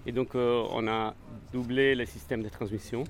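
A man with a medium-pitched voice gives a casual, unscripted explanation. He goes step by step in an informal way, pausing now and then to find his words. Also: little pitch movement, slight background noise. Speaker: bike workshop organiser. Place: outdoors in town.

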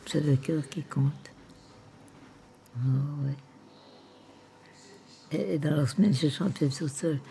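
An elderly woman in a nursing home room chats tenderly with a visitor in a low, slow voice with vocal fry and frequent pauses. The recording has a little hiss or hum. She rambles, constantly calls the listener "my little heart," and softly hums and half-sings old songs.

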